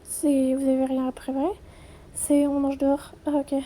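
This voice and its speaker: A woman acting out a playful toy role-play, switching quickly between many characters in chatty everyday dialogue. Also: high-pitched, completely flat delivery, dark tone. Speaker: channel creator voicing every character.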